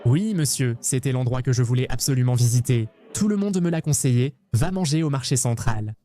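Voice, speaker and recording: A man from Argentina hosting a travel vlog, talking in an excitable, playful, jokey way. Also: medium pitch, brisk, soft background music. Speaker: travel vlogger host.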